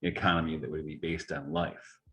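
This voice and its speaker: A man's voice: rumbling low, level tone, fairly quick, pushed and bright. A man in conversational discussion, reading aloud and sharing thoughts like a teacher. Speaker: course teacher. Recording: music behind the voice. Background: music.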